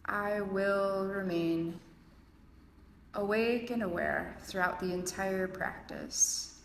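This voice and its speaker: This guided meditation comes from a female yoga nidra instructor, speaking at a medium pitch in calm, measured phrases separated by long pauses and delivered very unhurriedly. The session was captured live in an urban indoor studio with echo and faint ambient room and city sounds.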